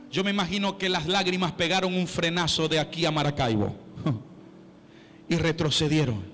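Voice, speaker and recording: A man's voice: a little high, fairly bright tone. A male pastor preaching a fervent sermon, calling on the congregation to respond, in a large church hall with long reverb. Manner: fervent, calls the crowd to respond.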